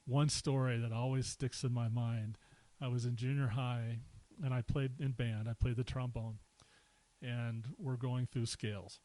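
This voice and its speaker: A man's voice: medium pitch, measured pace, poor audio. A middle-aged man, a podcast guest, casually telling personal stories, acting out quotes and chuckling as he goes. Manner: relaxed anecdotes with chuckles and acted-out quotes. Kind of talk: casual storytelling.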